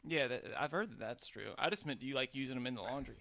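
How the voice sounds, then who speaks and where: A man's voice: mid-range voice, fast talker, gravelly. A man hosting a podcast in casual chat, joking and teasing his guest. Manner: joking, excitable banter. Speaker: podcast host.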